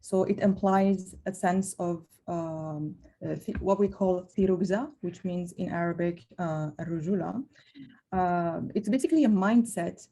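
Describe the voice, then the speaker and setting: A woman from Algeria introduces herself on a video call panel. Her voice is slightly low and mellow, and she speaks earnestly, hesitating often with fillers. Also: a little slow. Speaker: panel guest.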